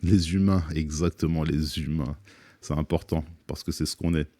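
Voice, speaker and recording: A thirties-aged rapper guesting on a live music stream from a studio set fields the stream's questions with easygoing jokes. He speaks loosely in a very deep, dark voice, pausing often and saying "euh," captured dry and close without echo.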